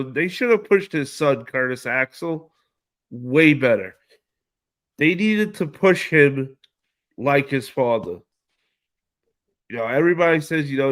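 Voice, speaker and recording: A man hosts a casual live stream, reading out viewer comments and answering each one in loose, slangy talk. He speaks at an unhurried, drawn-out pace. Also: mid-range voice, a bit bright. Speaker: livestream host reading chat.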